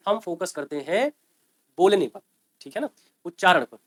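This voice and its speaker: A man with a fairly high voice lectures on grammar to a class. He explains patiently, repeats key points and keeps checking that his students follow. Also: animated, normal speed. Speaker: teacher.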